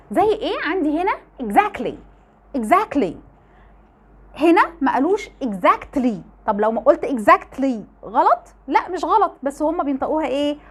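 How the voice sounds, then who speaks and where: A high-voiced woman with an Egyptian Arabic accent teaches an online pronunciation lesson. She talks quickly and with a lively, swooping pitch, repeating each example word as she explains it.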